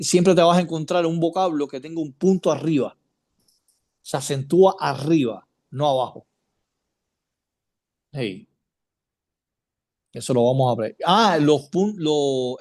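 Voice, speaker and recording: A man's voice: a little high, a little mellow. A man teaching an informal Bible study class, chatty, asking his students questions and repeating points as he goes. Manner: chatty, checks in with students by name, repeats himself.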